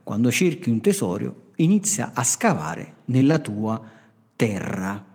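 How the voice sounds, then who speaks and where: A man's voice: medium pitch, sing-song, measured pace, darkish tone, breathy edge. A man hosting a podcast, explaining things conversationally to listeners and emphatically repeating his key phrases. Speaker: podcast host. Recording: long reverberant hall echo.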